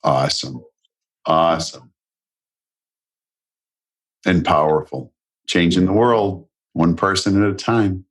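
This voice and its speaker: A man hosts a casual interview with an eager, affirming manner and a habit of wandering into side points. His voice sits very low and sounds husky and a little breathy. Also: steady tone, slow pace, pauses often. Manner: enthusiastic, affirming, prone to tangents. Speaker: podcast host.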